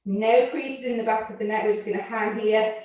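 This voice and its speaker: A woman's voice: fairly high pitch, steady tone, brisk. A woman fitness instructor cueing moves and counting reps, out of breath at times. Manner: counts reps and cues moves, gently encouraging. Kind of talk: exercise class instruction. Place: room with barre and mats. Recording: echoey room, voice from far off.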